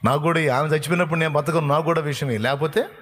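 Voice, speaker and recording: A preacher playing a young daughter-in-law, begging urgently in a rushed voice. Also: male voice, on the high side, fairly even intonation, fairly bright tone. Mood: pleading.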